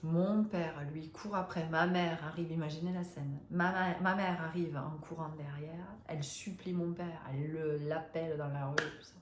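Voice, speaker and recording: Woman, 50s, low voice, halting confiding storyteller, echoey room. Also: fairly even intonation, a little hiss or hum. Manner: hesitant, many fillers and restarts; emotional, confiding. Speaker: spiritual vlogger. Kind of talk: personal storytelling to viewers. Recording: roomy echo.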